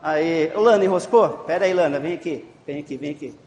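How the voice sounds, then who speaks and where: A man's voice: on the high side, a little fast, darkish tone. Coaxing man teaching kids. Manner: coaxing, encouraging, repeats instructions. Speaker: children's Bible class teacher. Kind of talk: leading a children's game. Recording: echoey room, faint background noise.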